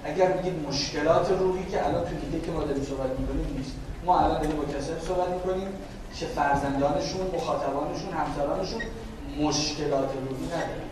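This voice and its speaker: A man giving a slow, deliberate classroom lecture, explaining step by step and acting out everyday dialogue. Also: on the high side, steady tone. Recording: echoey room, mic far off, background noise.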